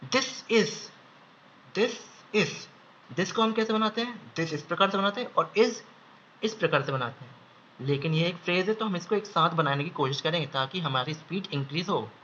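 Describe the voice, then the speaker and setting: A young man teaching shorthand step by step, slowly repeating each word several times as he draws it. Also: on the high side, animated, bright, forceful tone. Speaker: shorthand instructor. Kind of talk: step-by-step lesson. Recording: slightly dull audio with faint background hiss.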